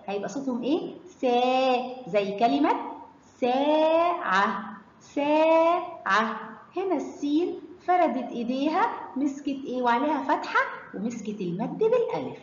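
Egyptian woman teaching kids, lively and high. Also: a little hiss or hum. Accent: Egyptian Arabic. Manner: draws out syllables slowly and quizzes the children with questions. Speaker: children's reading teacher. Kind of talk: children's phonics lesson. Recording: echoey hall, slightly dull sound.

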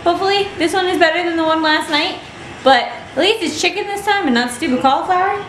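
A woman's voice: very high voice, quick pace, fairly bright tone, a little hiss or hum. A young woman vlogging casually at home, giggling often and talking sweetly to her baby daughter. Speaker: vlogger, mother. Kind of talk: casual family vlog chat.

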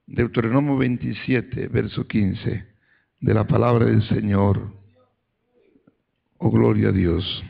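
A male pastor preaching a sermon who reads scripture in a low, measured voice and rises to shouted calls of praise. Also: steady tone, creaky, dull audio.

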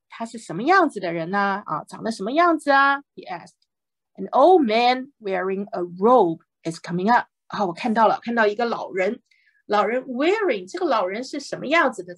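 A woman teaching a Bible lesson, reading English verses slowly and explaining them in Mandarin, verse by verse. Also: medium pitch, breathy edge, no room sound.

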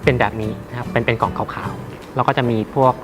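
A man giving an informal product demonstration as a seller, haltingly, with many repeats and hesitations. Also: medium pitch, fairly even intonation, over music. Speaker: radio equipment seller.

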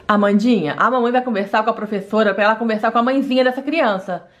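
A woman's voice: fairly high pitch, fast talker, pitched below the performer's own voice, close to an everyday voice. A woman voicing a patient mother in a doll play story, coaxing and soothing, often saying the child's name.

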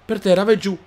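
Male gaming YouTuber, higher than usual pitch, loud animated let's-play commentary. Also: a little hiss or hum. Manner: animated, shouts move names, swears freely.

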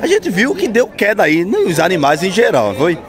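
Brief: male vlogger, high voice, chatty and upbeat, loud market crowd behind. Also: huge pitch swings, moderate pace. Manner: chatty, upbeat, asks prices and repeats them. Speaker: vlogger touring a livestock market. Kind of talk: casual walk-around vlog with interviews. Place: crowded outdoor goat market.

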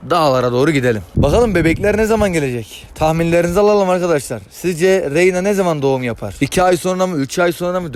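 A young man with a slightly high voice chats casually to his viewers outdoors, breaking off to give his dogs short commands. Dogs can be heard in the background. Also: darkish tone. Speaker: dog owner and vlogger. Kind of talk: casual outdoor vlog commentary.

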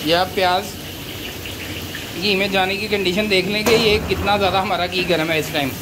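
A man hosting a cooking channel, calmly explaining each step of a big-pot recipe as he works in an outdoor courtyard. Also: high-pitched, normal speed. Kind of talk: cooking demonstration narration. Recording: noisy outdoor recording.

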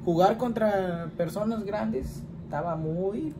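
In a small room with a plain wall, a man in his twenties records a casual home vlog, answering questions in a rambling way and often tagging lines with "¿verdad?". His voice is high and slow, with a Mexican Spanish accent, and the background is noisy.

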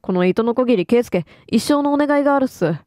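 A woman's voice: a little high, lively intonation, fast talker, warm tone, dry recording, clean studio sound, lightly acted. A woman reading the lines of a loyal, earnest young male police detective from a game, with a stammering, clipped way of ending sentences. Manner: ends sentences with a rough "ssu", stammers.

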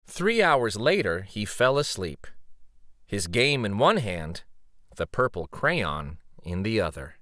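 A man reading a children's story aloud dramatically, with theatrical, suspenseful pauses. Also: fairly low pitch, big pitch swings, a bit bright, no echo, studio quality.

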